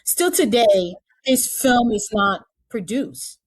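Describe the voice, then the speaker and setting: A woman's voice: a little high, expressive, slow pace. A woman casting director chatting in an interview, repeating and restarting her phrases as she talks. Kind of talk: casual interview chat.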